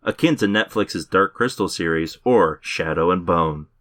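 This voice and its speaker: A man's voice: sits low, normal speed, a bit bright. A man hosting a casual podcast chat, laid-back and hesitant, with frequent filler words. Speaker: podcast host.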